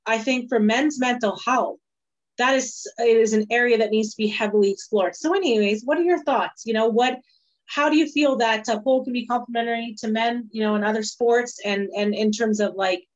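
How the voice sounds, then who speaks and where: A woman's voice: on the high side, brisk. A woman host in casual conversation, talking frankly and with animation. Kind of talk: casual podcast chat. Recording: dull lo-fi sound.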